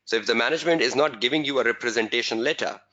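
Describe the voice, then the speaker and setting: Bright-voiced male tutor. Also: mid-range voice, highs cut off. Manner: repeats key phrases slowly for emphasis; answers chat questions by name. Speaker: exam tutor. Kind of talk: webinar exam lesson.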